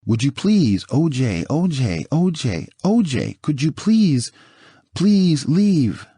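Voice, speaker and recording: A man's voice: lowish voice, expressive, a little fast, darkish tone, slightly rough, dry recording. A man voicing a frightened woman who pleads on an emergency call, on the verge of sobbing. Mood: pleading. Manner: pleading, breaking into sobs.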